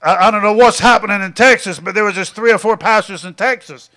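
A man's voice: high-pitched, quick pace, sharp tone. A middle-aged man preaching a sermon, dropping in frequent amens and repeating his phrases as he goes.

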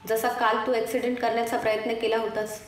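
A calm, menacing young man who mocks as he threatens, read by a woman storyteller. The voice sits fairly high. It rings in an echoey room. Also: brisk, recorded from a distance, close to an everyday voice. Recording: echoey room, faint noise.

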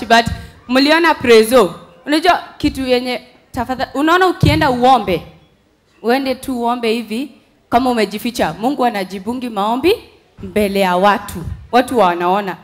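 A young Kenyan woman doing stand-up on an indoor stage through a headset mic, chatty and mimicking voices. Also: on the high side. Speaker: stand-up comedian. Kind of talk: stand-up comedy in mixed Swahili and English.

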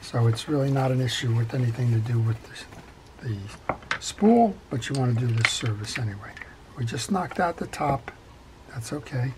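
Calm man explaining a workbench repair. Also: medium pitch, moderate pace, noisy background. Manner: calm, practical, talks while working, frequent fillers. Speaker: fishing reel repair instructor. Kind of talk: step-by-step repair tutorial. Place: workshop bench.

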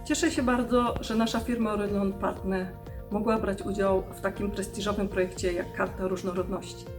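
A woman's voice: mid-range voice, flat delivery, moderate pace, over music. A woman giving a pleased, formal statement on behalf of her company. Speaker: company representative. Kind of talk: prepared corporate statement.

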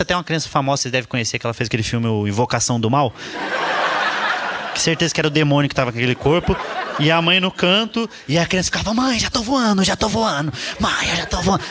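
A man with a Brazilian Portuguese accent doing stand-up comedy on stage, telling stories in an animated, profane way. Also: on the high side. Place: stage before a live audience. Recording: live show, audience laughter and room noise.

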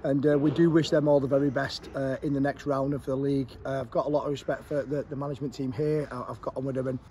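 A man's voice: medium pitch, flat delivery, quick pace, warm tone, a little hiss or hum. A man in his forties with an English accent, a football manager giving an earnest post-match interview outdoors at a ground, repeating words as he thinks.

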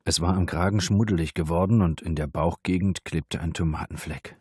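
A man narrating a thriller audiobook in a steady, measured read. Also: deep voice, slightly rough, dry recording, studio quality. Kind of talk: scripted narration.

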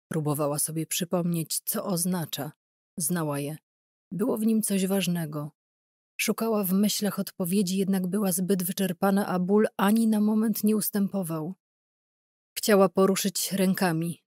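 Low-voiced woman narrating an audiobook. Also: no echo, studio quality. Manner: calm, measured, dramatic reading.

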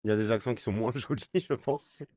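A man's voice: mid-range voice, fast, a little mellow, no room sound. Thoughtful man, dry close sound. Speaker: interviewee. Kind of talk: street interview.

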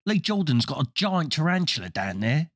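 A woman's voice: sits low, big pitch swings, normal speed, slightly rough, dry recording, pitched above the performer's own voice, full character voice. A man playing cheeky twin boys. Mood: cheerful.

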